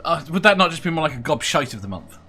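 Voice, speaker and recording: A man with a high, bright voice hosts a casual panel. His pitch moves around a lot as he banters and reads out comments. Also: big pitch swings, fast talker, husky, faint music behind. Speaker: host.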